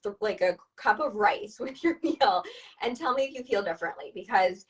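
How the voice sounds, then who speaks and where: A woman's voice: medium pitch, expressive, moderate pace, far from the mic, low-quality recording. A woman who is a dietitian and nutrition coach, giving chatty, upbeat coaching advice on a video call. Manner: upbeat, chatty, asks listeners to respond. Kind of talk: conversational explainer, coaching advice.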